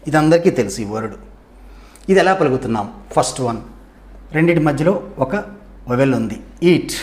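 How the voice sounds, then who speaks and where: A man's voice: mid-range voice, animated, brisk, darkish tone. A middle-aged man with a Telugu accent teaching an English grammar lesson. He asks questions and answers them himself, and he sounds out words one syllable at a time.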